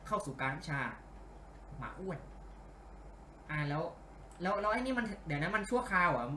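Grumbling, animated man playing a game. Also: high-pitched, moderate pace, roomy sound, slight background noise. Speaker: game streamer. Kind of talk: casual let's-play commentary.

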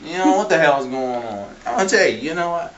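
A man hosting his own vlog in a loose, comedic rant. He rambles, swears freely and keeps saying "I mean" and "you know". His voice is fairly high and bright, caught by a camera mic set back from him. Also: fairly quick, distant mic, highs cut off. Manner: profane and animated. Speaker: vlog host.

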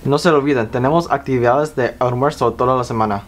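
A man's voice: medium pitch, fast talker. A teenage boy co-anchoring a school news show in a plain, scripted read. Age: teens.

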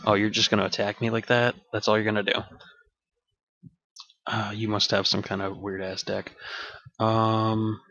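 Man, low voice, rambling gameplay commentary, offhand with swearing, dull dry home mic. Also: level tone, moderate pace, long pauses, fairly bright tone, no room sound. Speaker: gaming channel host. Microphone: desk microphone with game audio bleeding in.

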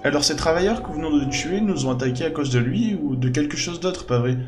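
Man voicing a higher-pitched, indignant young adventuress. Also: lively intonation, quick pace, over music, lightly acted. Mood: puzzled, pressing. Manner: indignant, questioning, colloquial. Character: young woman adventurer, plain-spoken, easily indignant.

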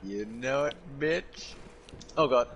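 A man's voice: medium pitch, slow pace, lo-fi sound, a crowd in the background. A young man playing along, with dry, short replies and plenty of swearing. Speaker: co-player. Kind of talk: casual gameplay chat.

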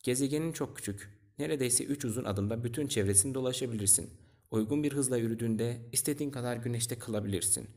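A man's voice: mid-range voice, fast talker, dark tone, natural voice. A man voicing a curious young prince. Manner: earnest, questioning.

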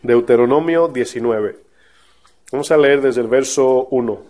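A man pastor's Bible study for a live audience is delivered at a measured pace in a medium-pitched voice. He talks in a relaxed, conversational manner and often asks his listeners questions.

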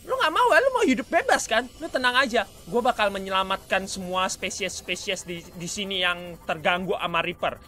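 A man doing excitable, trash-talking let's play commentary, mixing in English swears. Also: sits high, moderate pace, hardly any pauses. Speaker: gaming YouTuber.

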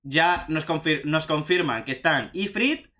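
A young man with a Spanish accent from Spain, chatting excitedly as he reacts to a video game trailer. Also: a little high, a little slow. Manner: excitable, chatty, says "tío" often. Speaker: gaming youtuber reacting to a trailer.

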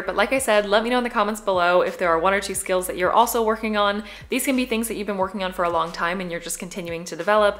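This casual to-camera vlog features a young woman from the Midwest USA, seated on her living room sofa. Her voice runs slightly low for a woman and her pace is quick, and she keeps things chatty, upbeat and easygoing, gesturing while she talks.

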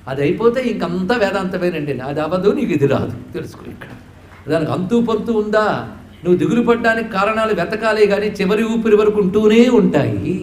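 High-voiced man giving an emphatic spiritual discourse. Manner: emphatic, rhetorical questions, chants scripture. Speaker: spiritual teacher. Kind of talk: devotional discourse. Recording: echoey room, faint noise.

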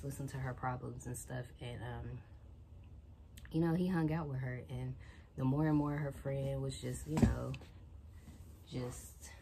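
Very noisy audio captures a young adult woman with a rumbling low voice chatting as she cleans her small bedroom, complete with bookshelf and TV. She meanders through a book's storyline, full of fillers, moving toward and away from a camera or phone on a shelf.

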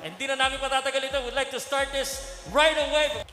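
A man's voice: extremely high pitch, fairly even intonation, quick pace. A Filipino man hosting a live fight event on a handheld mic in boxing ring announcer style, stretching out words. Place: indoor sports club, on stage. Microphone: handheld microphone close to masked mouth. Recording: echoey hall PA, music behind.

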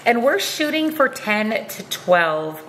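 A woman's voice: medium pitch, very animated, slow, noisy background. A woman hosting a cooking channel, talking viewers through a meal prep step by step in a friendly voice-over.

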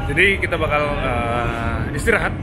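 Brief: male motovlogger, 30s, high-pitched chatty narration, filler-heavy, action cam outdoors with loud engine and wind noise. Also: expressive, moderate pace. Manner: chatty, explains tips with filler "eh". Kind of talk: casual travel vlog commentary. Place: outdoors at port and on ferry deck. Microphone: helmet or selfie action camera.

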